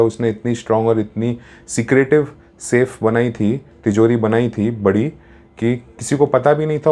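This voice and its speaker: A man's voice: lowish voice, dark tone. A man telling a story in a casual, chatty way, mixing in English words, as a storyteller and happiness coach.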